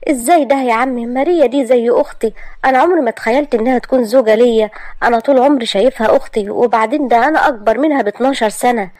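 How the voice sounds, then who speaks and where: Woman voicing an upset young Egyptian man, indignant, quick talking, dry sound. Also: a little high, a little mellow, dry recording, voice pushed up, close to an everyday voice. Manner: indignant, protesting. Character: agitated young man pressed to marry.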